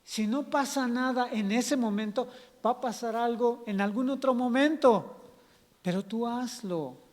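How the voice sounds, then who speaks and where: Man, pastor, conversational sermon, high voice, long church-hall echo. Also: a little slow. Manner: conversational, acts out scenes.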